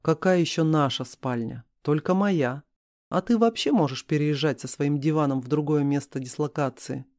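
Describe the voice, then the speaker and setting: A sharp-tongued young wife, tipsy and indignant, as a man reading the story puts her on. Her voice rides high and mellow, close and dry. She snaps back in quick bursts. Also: dry recording, lightly acted. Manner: indignant, raised voice.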